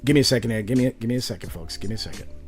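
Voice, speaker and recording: A man's voice: medium pitch, rapid-fire, soft background music. A man hosting a livestream, talking in an exasperated, rambling way with frequent restarts. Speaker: channel host. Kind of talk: livestream commentary.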